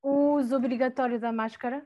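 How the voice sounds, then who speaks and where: A woman teaching Portuguese words in a relaxed French lesson, explaining patiently with many fillers and mixing in Portuguese terms. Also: high-pitched, normal speed, muffled recording. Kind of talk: language lesson chat.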